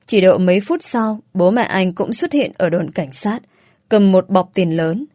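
A woman's voice: mid-range voice, animated, a little slow, warm tone, no echo, studio quality. A woman narrating an emotional first-person story. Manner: earnest and emotional.

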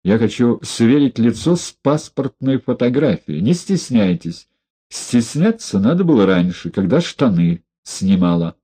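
A man's voice: medium pitch, big pitch swings, measured pace, dark tone, slightly rough. A man voicing a stern, contemptuous party inspector who lectures and mocks coldly, reading a story aloud. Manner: stern, cold, mocking.

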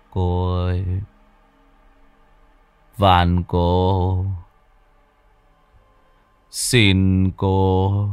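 A man narrating a ghost story dramatically, slowing for suspense. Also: fairly low pitch, no echo.

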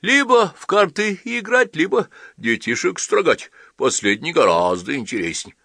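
A man's voice: on the high side, very animated, moderate pace, gravelly, sharp tone, dry recording, clean studio sound, pitched above the performer's own voice, heavily acted. A man doing a jovial joking country priest. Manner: joking, easygoing. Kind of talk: audiobook character voice.

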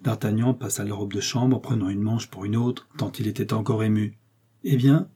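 A man narrating a classic novel as an audiobook, in a measured, steady reading. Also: fairly low pitch, husky.

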